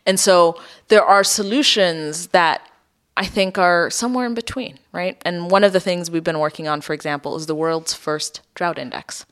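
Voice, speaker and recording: A woman's voice: fairly low pitch, moderate pace, fairly bright tone, clear, resonant tone. A woman from Ethiopia, a company founder, explaining her work in a podcast interview and often adding "right?".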